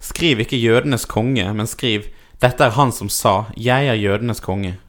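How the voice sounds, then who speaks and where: A man voicing insistent, accusing priests in a dramatic scripture reading, speaking forcefully. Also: mid-range voice, lightly acted.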